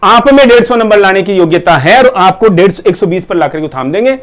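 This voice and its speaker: A man, a nursing exam coach, giving a forceful, persuasive talk to his students and asking them pointed questions. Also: sits high, lively intonation, brisk. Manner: forceful, rhetorical, addresses viewers directly.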